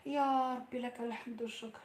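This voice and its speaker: A middle-aged Moroccan woman chatting on a live stream, warmly thanking and blessing her viewers. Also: fairly high pitch, steady tone, quick pace, slight background noise. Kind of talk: casual live-stream chat. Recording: roomy echo.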